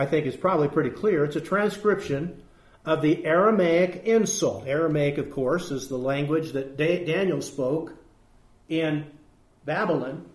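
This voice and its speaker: A man preaching a sermon as pastor, emphatic and putting rhetorical questions to his congregation. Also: fairly high pitch. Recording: echoey room.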